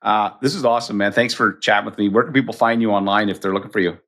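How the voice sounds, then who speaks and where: Deep fast-talking male podcast host. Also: steady tone, fairly bright tone. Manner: upbeat and encouraging. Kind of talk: podcast interview and outro.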